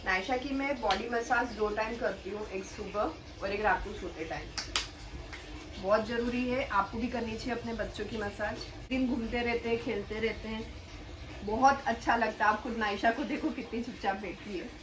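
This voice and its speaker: A young woman with a fairly high voice chats casually at a moderate pace in a home vlog, talking directly to her viewers. The room is echoey, she sits a bit far from the mic, and a faint hum runs underneath.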